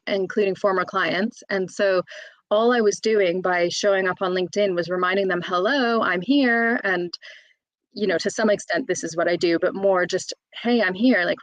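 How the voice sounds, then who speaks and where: In a candid conversational interview, an employment solicitor in her thirties chats openly in a mid-range voice, often using fillers and restarting herself. The audio is dull with no echo.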